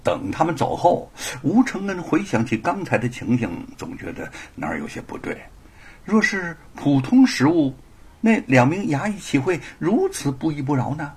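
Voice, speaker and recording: A man narrating a story in a dramatic, highly expressive storytelling style. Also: moderate pace, slightly rough.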